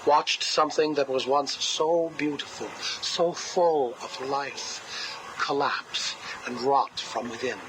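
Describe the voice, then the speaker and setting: An actor playing a cold, grieving, obsessive male scientist who talks slowly and mournfully, heard as a cassette tape recording. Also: mid-range voice. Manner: slow, controlled, mournful delivery. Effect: played back from a cassette tape recording. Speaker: interview subject. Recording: hissy cassette tape playback.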